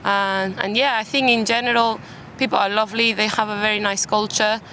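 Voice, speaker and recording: A young woman from Málaga, Spain, speaks English with a British accent as a podcast guest in a casual interview. Her mid-range voice is steady, brisk, pushed and bright. She's recorded outdoors in a park, with faint city traffic and park ambience behind her.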